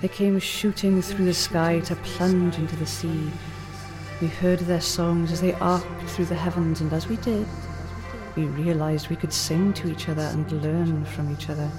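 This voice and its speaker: A woman voicing a calm female principal teacher who tells an old legend in a measured, gentle cadence. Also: fairly low pitch, music in the background, lightly acted, poor audio. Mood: storytelling. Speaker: teacher figure in an audiobook. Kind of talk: audiobook character reading.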